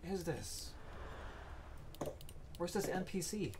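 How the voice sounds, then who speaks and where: A man's voice: high voice, lively intonation, slow pace. A man streaming a game with casual, joking, crude chat and plenty of swearing. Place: indoor room, game sound behind. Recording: faint background game noise.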